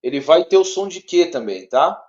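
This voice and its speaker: Brazilian male tutor, slightly high pitch, stop-start and repetitive delivery, muffled lo-fi audio. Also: big pitch swings, a little mellow. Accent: Brazilian Portuguese. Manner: halting, repeats words, checks in often with tags. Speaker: teacher. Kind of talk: one-on-one spoken lesson. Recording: dull lo-fi sound.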